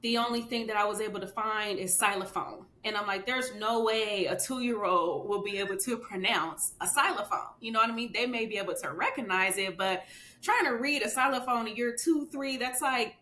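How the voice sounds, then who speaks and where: Bright and forceful at a normal speed, this native English-speaking woman is a children's book author guesting on a podcast. She chats casually, peppering her talk with fillers and "you know what I mean." The echoey room carries a faint rumble.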